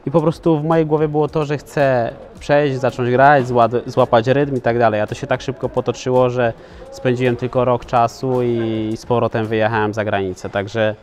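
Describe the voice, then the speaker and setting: A man's voice: mid-range voice, flat delivery, moderate pace, a little mellow, faint music behind. A man in his thirties, a footballer, answering interview questions casually, with many filler sounds and restarts. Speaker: professional footballer, guest.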